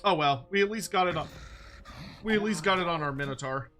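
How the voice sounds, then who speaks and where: A man's voice: fairly high pitch, brisk, a crowd in the background. A man giving casual, playful game commentary with wry asides, as a streamer talking to viewers. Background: music behind the voice.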